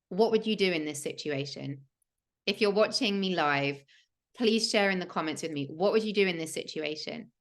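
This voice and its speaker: A woman, hosting a livestream and telling a personal story in an earnest, emphatic way with many "like" fillers. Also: on the low side. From England. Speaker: host of a spiritual podcast.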